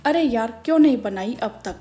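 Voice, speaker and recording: Woman voicing an impatient hurried husband. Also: fairly high pitch, animated, mellow, lightly acted. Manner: impatient, pushy.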